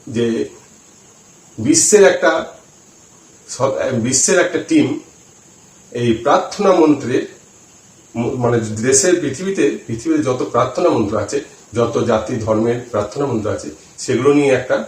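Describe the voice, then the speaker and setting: A man giving a slow, deliberate lesson on chanting, counting aloud as he shows the finger positions. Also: medium pitch, a little mellow. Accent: Bengali. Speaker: spiritual teacher. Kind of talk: instructional talk to camera. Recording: roomy echo, voice from some distance.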